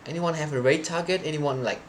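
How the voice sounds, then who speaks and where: A young man whose first language is Thai chats informally with people watching his live stream, frequently pausing and restarting while he looks for words. His voice sits on the high side, and there's a faint hiss or hum.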